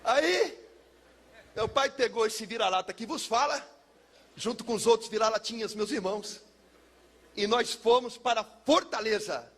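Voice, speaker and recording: Gravelly high-voiced pastor. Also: male voice, unhurried, pauses often. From São Paulo, Brazil. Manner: dramatic storyteller, drops low and soft for heavy moments. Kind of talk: personal testimony sermon.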